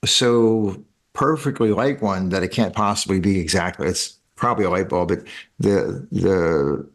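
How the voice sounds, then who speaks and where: A man's voice: low-pitched, measured pace. A middle-aged man hosting an interview about street photography, nerdy and rambling, often breaking off mid-sentence. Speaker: podcast host, street photography mentor. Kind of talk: casual interview chat.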